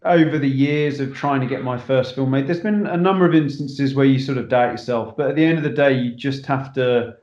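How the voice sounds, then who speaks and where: A man's voice: medium pitch, a little fast, hardly any pauses, a little mellow. A man who directs films, talking earnestly as a podcast guest, with many restarts. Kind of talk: casual interview talk. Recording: echoey, dull remote line.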